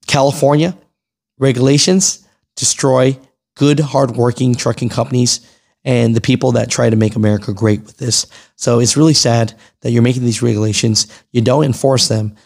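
Speaking into a close broadcast microphone on a boom arm, this trucking news channel host, a man in his thirties, has a mid-range, creaky, slightly mellow voice. He reads and comments informally from a small furnished home room, emphatic and conversational, peppering his points with "right" and "you know."

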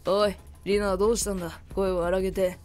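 A woman voicing a flustered middle-aged father in a storybook drama, gruff and loud. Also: mid-range voice, little pitch movement, a little fast, faint music behind, pitched below the performer's own voice, natural voice.

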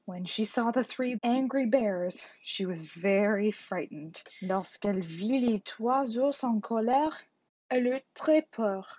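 A woman reading a storybook aloud for a library storytime, in an expressive read-aloud manner. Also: medium pitch, takes it slowly, few pauses, breathy edge, no echo. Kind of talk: bilingual storybook narration. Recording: dull lo-fi recording.

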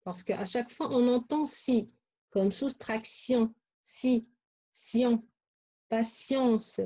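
A woman's voice: fairly high pitch, slow, mellow. A woman teacher giving a phonics lesson, carefully saying and repeating words and syllables for young pupils. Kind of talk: slow, deliberate phonics lesson.

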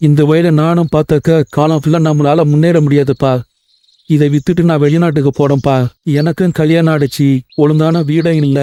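A man's voice: a little high, warm tone, close to an everyday voice. A man voicing a homesick young husband working abroad in a cartoon, earnest and pleading. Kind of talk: Tamil cartoon voice acting.

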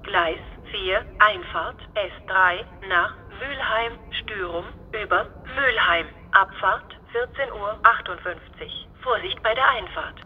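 A woman making a flat, formal platform announcement as a station announcer, in evenly segmented phrases. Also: mid-range voice, slow, few pauses. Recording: tinny phone-like band, hissy background noise.

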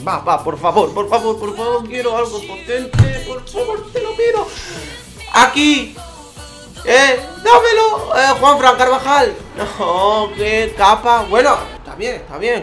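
Spanish man opening game packs on his channel, lively swooping voice, begs and curses at the game, faint music underneath. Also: high voice. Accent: Spain Spanish. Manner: excitable, pleading and swearing at the game. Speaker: gaming YouTuber. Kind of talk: pack-opening game commentary.

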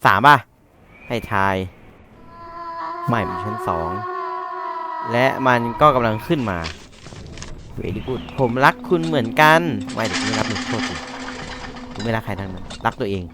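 A man's voice: fairly low pitch, expressive, normal speed, pauses often, music in the background. A man playing a horror game, chatting to himself in casual commentary, jumpy and swearing when startled. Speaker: let's-play gamer.

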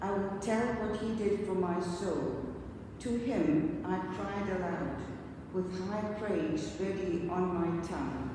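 A woman's voice: lowish voice, slow. A woman in her seventies reading scripture and psalms as a lay reader in a church. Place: church sanctuary at a lectern. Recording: echoey distant church recording, background noise.

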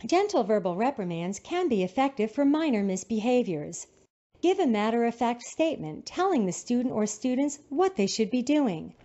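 A woman narrating an educational video in a calm, instructive scripted manner. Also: fairly high pitch, moderate pace. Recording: dull lo-fi sound.

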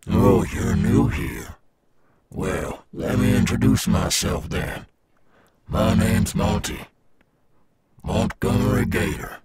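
Man voicing Montgomery Gator, deep gravelly alligator rockstar. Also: darkish tone, a little hiss or hum, full character voice. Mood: friendly but firm. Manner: slow, coaxing, addressing a child listener. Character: cool, swaggering male animatronic alligator rockstar guarding his golf course. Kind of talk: ASMR audio roleplay.

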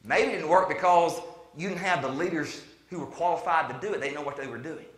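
Brief: interim pastor, 50s, high and bright, chatty sermon delivery with stammers, echoey sanctuary. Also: male voice, brisk. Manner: animated, conversational preaching with stammered restarts. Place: church sanctuary. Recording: roomy church sanctuary echo.

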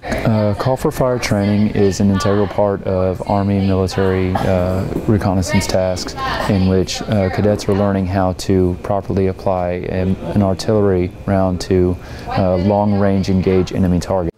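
Low, flat-voiced young man over crowd noise. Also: normal speed. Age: 20s. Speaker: army cadet being interviewed. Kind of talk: formal on-camera interview. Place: large indoor hangar-like hall.

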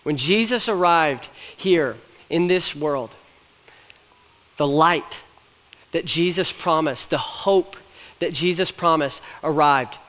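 A young man speaks slowly as pastor from a church stage, his voice on the high side and fairly bright. He keeps the sermon earnest and conversational with light jokes, and the large hall lends a long reverb.

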